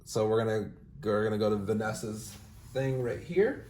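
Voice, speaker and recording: Demonstrating callbacks as a recruiting manager, this young man keeps things casual and upbeat, leaning on fillers and "all right?" through a screen-share walkthrough and then a phone interview for his sales team. He speaks at a normal speed in a warm, low-leaning voice with lively intonation. There's slight background noise and a roomy echo.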